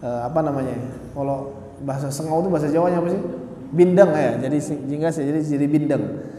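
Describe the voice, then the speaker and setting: A man teaching Quran recitation, patiently correcting students and modelling sounds slowly. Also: on the high side, warm tone, slight background noise. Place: mosque hall. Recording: roomy, echoey mosque hall.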